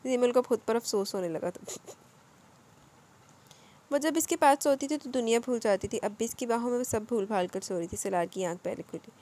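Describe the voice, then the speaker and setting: A woman reading a romance novel aloud as narrator, in steady storytelling with small slips. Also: fairly high pitch, normal speed. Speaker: audiobook narrator.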